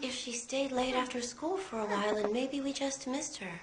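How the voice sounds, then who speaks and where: A woman voicing a calm, politely formal teenage schoolgirl in an anime dub, who speaks in a quiet, gentle way. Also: high voice, normal speed, background noise, natural voice. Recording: music playing behind the voice. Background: music.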